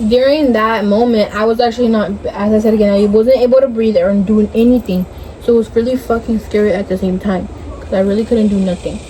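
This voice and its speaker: A woman's voice: medium pitch, steady tone, brisk, dark tone, slight background noise, rough recording. A young woman casually telling a dream story in a hazy, puzzled way, groping for words and swearing often.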